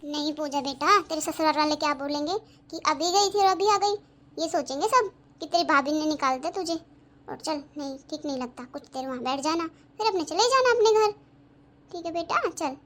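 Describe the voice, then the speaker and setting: A woman's voice: sits high, expressive, normal speed, fairly bright tone. A woman voicing a kind, motherly middle-aged aunt in a cartoon, coaxing and affectionate. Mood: comforting. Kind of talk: cartoon voice acting.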